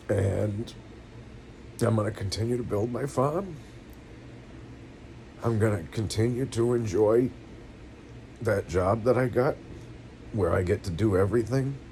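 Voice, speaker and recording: A middle-aged man with a New England accent, venting his feelings in a halting, rambling way, tired and close to tears. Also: fairly low pitch, warm tone, slight background noise. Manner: halting, rambling, tearful and earnest. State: weary and in pain, close to tears. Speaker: vlogger. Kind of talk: emotional personal venting. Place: at home, seated.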